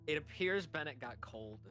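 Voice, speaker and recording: A woman with a strikingly deep voice runs a tabletop game, setting each scene in a chatty, giggly way. Her pitch swings widely as she talks, and faint music plays behind her. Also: lively intonation, measured pace, a bit bright. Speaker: game master.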